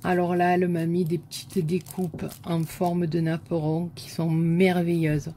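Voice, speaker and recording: A woman with a southern French accent, a scrapbooking vlogger softly admiring crafts one by one in a casual show-and-tell chat. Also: lowish voice, flat delivery, measured pace, a little hiss or hum.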